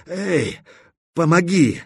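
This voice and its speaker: A terrified young male stalker cries and begs in a husky, high-strung voice, as a man acts him out. The recording is dry and close. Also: slow pace, no echo, heavily acted. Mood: desperate pleading. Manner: desperate pleading cries.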